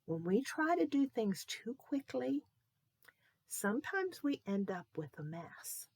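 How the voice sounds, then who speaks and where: An animated woman tells a children's Bible story and keeps stopping to ask her young listeners questions. Her voice sits fairly high. The recording is close and dry. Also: slow, dry recording.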